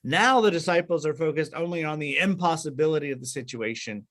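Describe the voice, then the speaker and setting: A man's voice: fairly high pitch, brisk, fairly bright tone. A man leading a Bible study over a video call, explaining with many fillers and restarts and asking the group questions.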